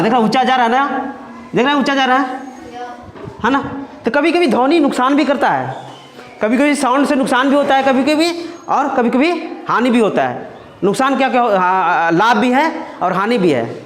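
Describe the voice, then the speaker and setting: A male teacher giving a classroom science lesson, talking conversationally with students, repeating himself and checking in with questions. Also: very high-pitched. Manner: conversational, repeats phrases and asks "है ना?" often. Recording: echoey classroom.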